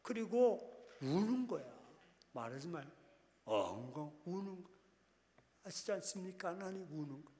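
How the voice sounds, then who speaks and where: A man's voice: a little high, animated, normal speed, pauses often, darkish tone. A male pastor preaching in a casual, teasing way to his congregation, now and then breaking into impassioned acted prayers. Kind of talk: sermon. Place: large prayer hall. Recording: long hall reverb.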